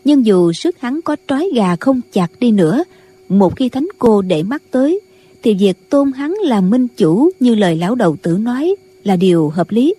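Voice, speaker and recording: Husky woman narrating an audiobook. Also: fairly high pitch, big pitch swings, mellow. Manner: measured storytelling. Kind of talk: scripted narration.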